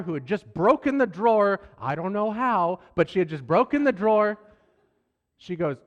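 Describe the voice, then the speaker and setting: A man in his thirties, a pastor, telling a family story from the pulpit with lively, self-deprecating humor. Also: sits high. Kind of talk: sermon storytelling. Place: church sanctuary. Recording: long church hall reverb.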